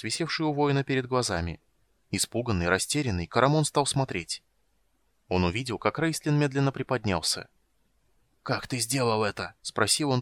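A man reading an audiobook with steady, measured storytelling. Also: medium pitch, no room sound. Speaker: audiobook reader. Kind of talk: scripted narration.

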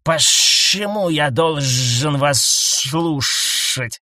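Brief: boastful alien snake husband, drawn-out hissing lines, lifted pitch; voiced by a man. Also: animated, no echo, studio quality, full character voice. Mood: drawling. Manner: drawling and hissing, swings to outraged yelling.

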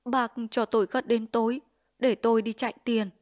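A woman's voice: a little high, level tone, moderate pace, darkish tone, lightly acted. A woman voicing a frightened widowed mother who pleads anxiously in a storybook reading. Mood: pleading.

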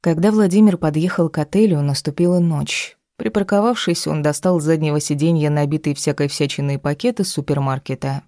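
Low-voiced woman narrating an audiobook. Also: fairly quick, few pauses, mellow, no room sound, studio quality. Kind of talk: scripted narration.

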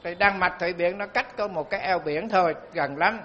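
Monk telling stories. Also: male voice, high voice, a bit bright, muffled recording, slight background noise. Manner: storytelling, slow and emphatic on key phrases. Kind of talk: sermon.

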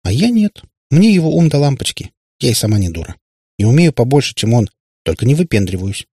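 A man with a husky voice reading an audiobook and voicing a sharp-tongued, boastful young witch girl. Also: medium pitch, big pitch swings, no room sound, clean studio sound, voice pushed up. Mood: scoffing. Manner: teasing, boastful, quick to scoff.

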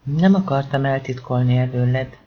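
A man's voice: medium pitch, a little hiss or hum, close to an everyday voice. An audiobook reader voicing an apologetic, sheepish male police sergeant. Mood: uneasy. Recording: dull lo-fi recording.

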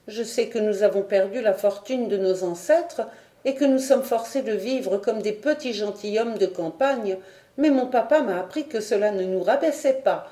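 Reading from a storybook in a mid-range, dark, natural voice, a woman plays a proud ten-year-old noble girl, raising her voice slightly. The character sounds mocking, haughty and curt, and the recording has a roomy echo.

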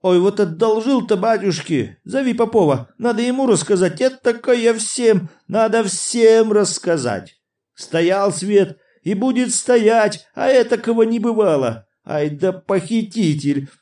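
A man's voice: high voice, big pitch swings, a little slow, darkish tone, pitched above the performer's own voice, heavily acted. A man reading an audiobook, voicing a boisterous, laughing older prince who exclaims and teases. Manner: exclaiming, guffawing, teasing. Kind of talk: audiobook character voice.

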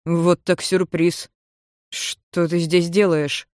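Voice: medium pitch, level tone, slow, a little mellow, no room sound, clean studio sound, lightly acted. A reader doing a blunt, sarcastic young man. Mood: indignant.

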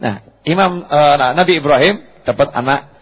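Husky-voiced man preaching a lively sermon. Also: fairly high pitch, moderate pace, highs cut off. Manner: lively storytelling sermon, acting out quotes, asking the audience questions.

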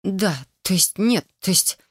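A woman's voice: mid-range voice, a little slow, breathy edge, dry recording, clean studio sound. A woman voicing an impulsive, indignant young female student, exclaiming in a flustered way. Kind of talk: audiobook character voice.

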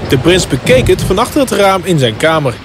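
A man's voice: high voice, very animated, a little fast, noisy background. A man reading a scripted fairy tale as a storybook narrator.

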